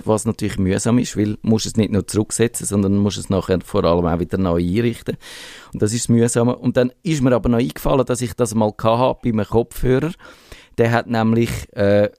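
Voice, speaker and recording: A man's voice: on the low side, a little mellow, no room sound, clean studio sound. A man with a Swiss German accent co-hosting a casual tech radio chat, chatty and hesitant, laughing often. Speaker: radio tech show co-host.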